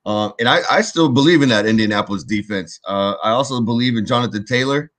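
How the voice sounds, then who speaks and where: A man co-hosting a sports podcast, giving casual, halting football analysis and repeating words as he thinks. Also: mid-range voice, fairly bright tone.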